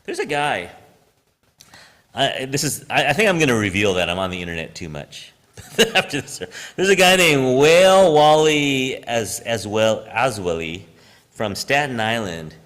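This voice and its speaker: A man's voice: medium pitch, sing-song, a little slow, a bit bright, big-room sound. A man preaching a sermon in a church, conversational and self-deprecating, tagging lines with "right?" and laughing at himself. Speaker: preacher and high school teacher. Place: church sanctuary.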